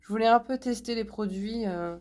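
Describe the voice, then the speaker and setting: A French woman showing her craft purchases in a casual haul video, talking slowly with many hesitations, a little hoarse because she is sick. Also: a little high, darkish tone. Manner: slow, hesitant, many fillers. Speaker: crafts vlogger.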